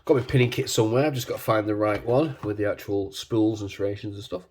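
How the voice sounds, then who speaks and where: A man congested with a cold, talking casually and hesitantly as he hosts a hands-on demonstration, his voice husky from man flu. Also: lowish voice, fast, noisy background. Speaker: video host.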